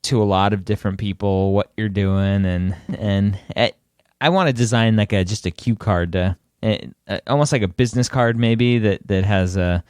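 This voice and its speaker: A man in his thirties co-hosting a podcast, joking and halting, often repeating words as he talks. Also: lowish voice, darkish tone, smooth, dry recording, studio quality. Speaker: podcast co-host. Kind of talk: casual podcast chat.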